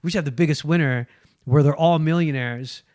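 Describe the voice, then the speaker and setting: A man's voice: a little high, darkish tone, dry recording, studio quality. Joking man on a podcast couch. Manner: joking, riffing, quick to laugh. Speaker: guest comedian. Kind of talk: casual podcast chat.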